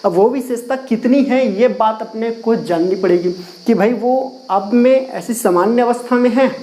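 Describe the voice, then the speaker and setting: This classroom lesson, explained in Hindi, features a man with a very high, dark-toned voice speaking at a moderate pace. He covers English grammar, posing questions and repeating the important words while he writes on and erases a board. The recording is rough.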